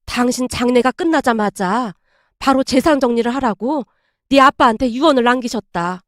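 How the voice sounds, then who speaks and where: A woman voicing a middle-aged mother in a storybook drama, confiding softly in a hushed tone. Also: fairly high pitch, normal speed, no room sound, clean studio sound, lightly acted.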